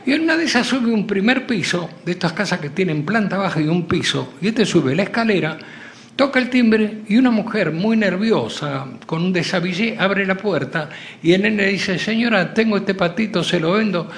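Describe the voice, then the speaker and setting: A man with an Argentine accent telling crude jokes in an animated storytelling way, acting out the characters. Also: sits high, moderate pace, a little hiss or hum. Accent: Argentine Spanish. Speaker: joke teller.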